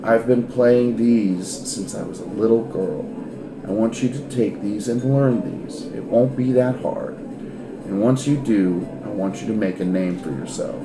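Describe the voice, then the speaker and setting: A man voicing an older female performer who speaks gently, slowly and earnestly. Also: lowish voice, noisy background. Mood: wistful. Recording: roomy echo with music behind.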